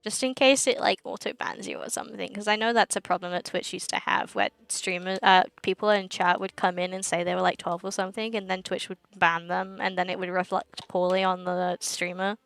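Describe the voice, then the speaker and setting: A woman's voice: on the low side, steady tone, brisk, gravelly, hardly any pauses, fairly bright tone, clear, resonant tone, no room sound, low-quality recording. A young woman livestreaming and chatting casually with viewers, giggly and rambling, often laughing mid-sentence.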